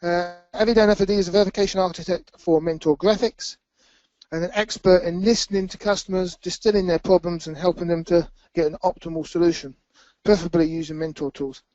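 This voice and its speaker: High-voiced man introducing a speaker. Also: fairly even intonation, fast talker, a little mellow, no room sound, lo-fi sound. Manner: reads a formal bio with fillers. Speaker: session chair.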